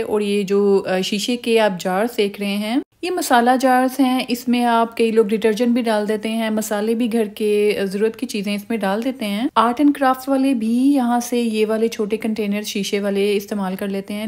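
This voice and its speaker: A woman's voice: on the high side, a little mellow. Chatty woman shopping vlogger. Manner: chatty, explanatory, frequent "uh" pauses. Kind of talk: casual shopping vlog voice-over.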